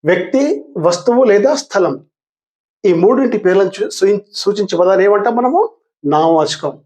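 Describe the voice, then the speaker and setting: An older man with a notably high voice teaches grammar to his students. He repeats each term patiently and asks them questions. He reads the English definitions very slowly, word by word. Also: animated, darkish tone. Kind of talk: grammar lesson.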